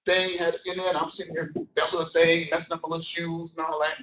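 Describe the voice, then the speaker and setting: A man's voice: a little high, fast. A man giving a motivational business training talk, speaking colloquially and acting out scenes as he tells stories. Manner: colloquial storytelling, animated, acts out scenes. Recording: echoey room, distant, dull.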